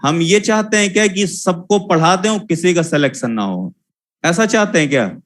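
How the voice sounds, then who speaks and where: A high-pitched young man gives a zoology lecture. He keeps scolding the students, repeating the same points over and over. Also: animated, normal speed, a bit bright. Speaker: teacher. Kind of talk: classroom lecture.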